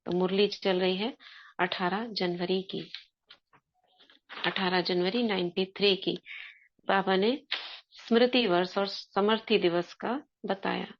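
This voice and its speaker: A woman's voice: mid-range voice, fairly even intonation, takes it slowly, long pauses, muffled recording. Woman teaching a spiritual class. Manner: conversational, quizzes the listeners. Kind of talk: explaining a spiritual text to a class.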